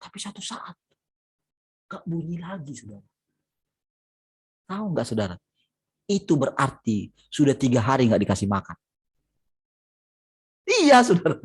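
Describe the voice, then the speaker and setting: Lively storytelling pastor on a video call. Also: medium pitch, unhurried, long pauses, slightly rough. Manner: lively, storytelling, addresses listeners as saudara. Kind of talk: sermon.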